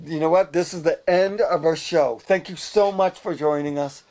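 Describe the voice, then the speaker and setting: A man co-hosting a comic animal news show, delivering jokes deadpan. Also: on the high side, moderate pace, a little hiss or hum. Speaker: co-host. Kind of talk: joking news banter.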